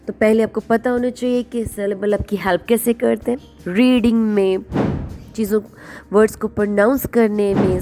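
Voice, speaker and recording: A woman gives a children's phonics lesson at a very slow, deliberate pace. She stretches words out syllable by syllable, switching between Hindi and English. Soft music plays behind her. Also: medium pitch. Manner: drawn-out, clapped syllables, mixing Hindi and English. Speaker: teacher.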